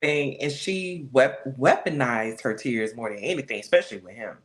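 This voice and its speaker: A woman author being interviewed over a video call, talking in an expressive, storytelling way and laughing often. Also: extremely low pitch, moderate pace. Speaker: author guest. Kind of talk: casual interview chat.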